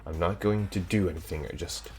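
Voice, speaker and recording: A man voicing a stern, powerful young woman in a visual novel reading, speaking gravely. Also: deep voice, a little mellow, faint music behind, pitched below the performer's own voice, natural voice. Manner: grave, measured.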